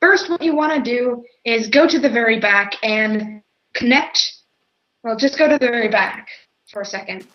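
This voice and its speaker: A woman casually instructing a friend through a game build, bossy and quick to interrupt with corrections. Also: on the high side, pushed and bright. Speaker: co-host giving instructions. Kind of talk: casual game tutorial chat. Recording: dull lo-fi audio.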